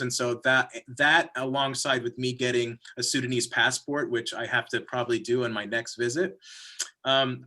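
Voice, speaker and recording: A man, a filmmaker answering panel questions in a thoughtful, halting way with many fillers. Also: mid-range voice, bright, forceful tone. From California.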